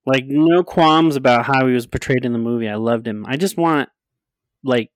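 A man's voice: medium pitch, moderate pace, dry recording. A man co-hosting a casual fan podcast, talking emphatically and repeating his points. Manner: emphatic, repeats himself, laughs often. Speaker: podcast co-host. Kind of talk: casual chat.

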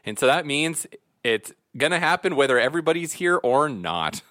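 A man's voice: on the high side, very animated, normal speed, pushed and bright, dry recording, clean studio sound. A man hosting a podcast in a casual, chatty style. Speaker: podcast host. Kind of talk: casual chat.

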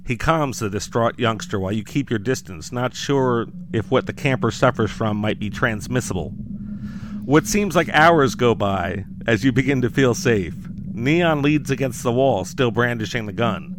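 A man's voice: medium pitch, lively intonation, normal speed, background noise. A man narrating a scary story in a suspenseful, crime show manner, dramatic and scripted with dry humour. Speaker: podcast host and storyteller.

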